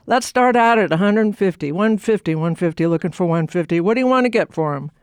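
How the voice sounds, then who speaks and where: A man voicing a brash livestock auctioneer who chants numbers in a fast, rising call. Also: high voice, lively intonation, clear, resonant tone, no room sound, clean studio sound. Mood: chanting, coaxing.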